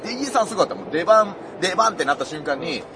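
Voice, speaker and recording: A male comedian co-hosting a casual radio chat, telling stories rowdily with coarse slang and loud outbursts. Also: high voice, very animated, rapid-fire, background noise. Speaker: comedian co-host.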